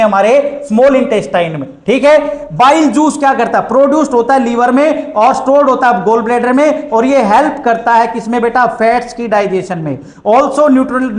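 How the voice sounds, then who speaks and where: An Indian man teaches a science lesson in a fairly high voice. He keeps asking his class questions and answering them himself, and slows down for English lines. The room around him is echoey. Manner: asks questions and answers them himself, calls students "beta"; reads English lines slowly. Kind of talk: classroom lecture.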